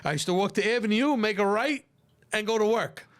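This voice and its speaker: Brash, high-pitched man with a Brooklyn accent. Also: brisk. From Brooklyn, New York. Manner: brash, emphatic, frequent swearing. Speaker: podcast guest, pizzeria owner. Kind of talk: casual podcast conversation.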